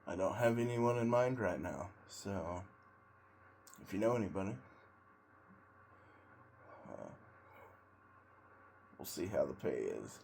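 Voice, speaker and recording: A man sitting in ice cold water, giving a casual, rambling monologue in a halting way with long pauses between short phrases. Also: deep voice, animated, creaky, darkish tone, slight background noise. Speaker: vlogger, tradesman in auto body and paint.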